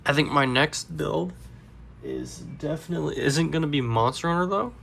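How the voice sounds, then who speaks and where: A congested man walking through a Lego build step by step, relaxed and rambling with fillers. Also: a little high, moderate pace, gravelly. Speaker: Lego builder, channel host. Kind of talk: casual build tutorial.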